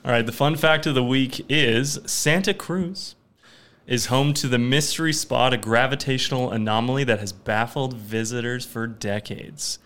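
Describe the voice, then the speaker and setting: A man's voice: medium pitch, normal speed, a bit bright, a little hiss or hum. A man co-hosting a podcast with dry, teasing humor, also reading a fun fact. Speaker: podcast co-host. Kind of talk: casual podcast chat.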